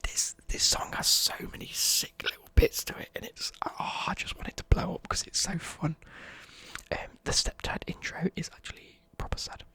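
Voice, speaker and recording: Speaking at a normal speed in a pushed, bright whisper, this young adult ASMR vlogger gives an enthusiastic, casual music review. Occasional swearing slips in, along with lyrics muttered under the breath.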